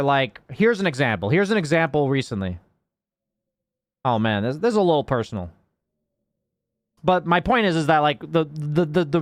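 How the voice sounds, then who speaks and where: A man's voice: fairly high pitch, smooth, dry recording. Rambling young man coaching his viewers. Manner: rambling, filler-heavy, reflective explaining. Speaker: Dota coach and streamer. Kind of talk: casual chat to stream viewers.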